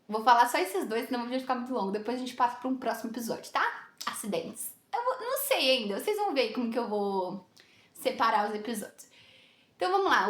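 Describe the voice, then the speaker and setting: Lively high-voiced woman vlogger. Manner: lively, laughs often, acts out quotes. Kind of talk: casual storytelling to camera. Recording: echoey room.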